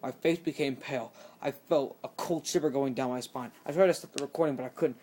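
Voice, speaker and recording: Guy reading a creepy story out loud, keeps tripping and restarting. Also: mid-range voice. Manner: halting reading with frequent restarts. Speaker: channel host reading horror stories. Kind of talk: reading a horror story aloud.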